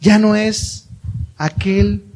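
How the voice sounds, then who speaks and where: High-voiced, unhurried male preacher. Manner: warm, conversational preaching, asks the congregation questions. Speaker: pastor. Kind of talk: sermon. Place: church hall.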